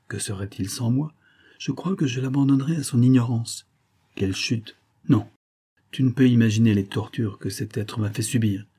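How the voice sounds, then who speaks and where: A man reading a bitter, obsessed gentleman. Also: mid-range voice, husky. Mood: scornful. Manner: agitated, reasoning aloud, insistent. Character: bitter obsessive middle-aged man, proud and wounded. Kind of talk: audiobook reading of a novel.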